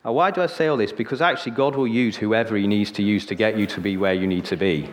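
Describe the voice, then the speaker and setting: Speaking fast from the pulpit, a Sheffield man with a lowish voice and northern English accent delivers a sermon built on personal testimony. His manner is conversational and story-driven, punctuated by repeated "okay?" checks, all echoing with long hall reverb.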